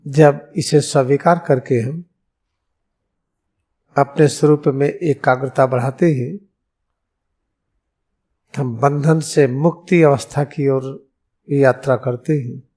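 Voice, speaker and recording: With a medium-pitched voice that is steady and warm, this Indian-accented man leads a guided meditation as a yoga guru, pausing between solemn, deliberate, measured phrases.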